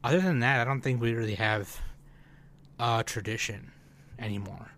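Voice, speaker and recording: A man speaks at normal speed in a mid-range, fairly bright voice. He's co-hosting a podcast, and the talk is casual and rambling, peppered with fillers and restarts.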